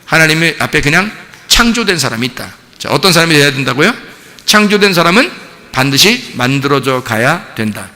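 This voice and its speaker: A man preaching a sermon as pastor in a church, lively and conversational, acting out little scenes as he goes. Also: on the high side, brisk. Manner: animated preaching, acting out a parent and child with laughs. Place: church sanctuary. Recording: long reverb of a church hall.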